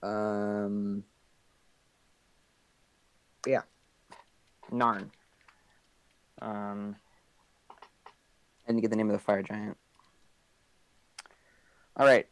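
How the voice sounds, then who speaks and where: Speaking in character during a live-streamed tabletop game, this man has a lowish voice and a level tone. He talks extremely slowly with long pauses, stumbling over ums and trailing away as he goes.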